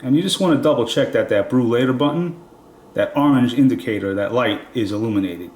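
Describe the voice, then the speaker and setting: In an echoey room at home, a man shows how a product works in a casual demo, explaining each step plainly with fillers while sounding nasal and stuffed up from a cold. His mid-range voice is expressive, a little mellow, and fairly quick.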